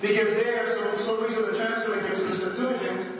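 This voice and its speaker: A man's voice: high voice, steady tone, a little fast, a little hiss or hum. A man teaching Torah in a loose, conversational way, repeating himself and often asking if his listeners are with him. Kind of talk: informal teaching talk. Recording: echoey hall, mic from far off.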